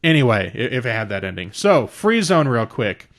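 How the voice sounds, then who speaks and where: A man co-hosting a podcast in loose, casual chat. He talks in an animated, profane way and jumps into a raised voice whenever he acts out what someone said. His pitch sits in a middle range for a man. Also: normal speed. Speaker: podcast co-host.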